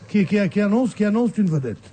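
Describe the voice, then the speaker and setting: A man's voice: high-pitched, very animated, racing, dark tone. A man on a radio panel giving strong opinions, stumbling and repeating his words. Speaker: regular panelist. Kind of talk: radio talk show chat. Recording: radio broadcast studio.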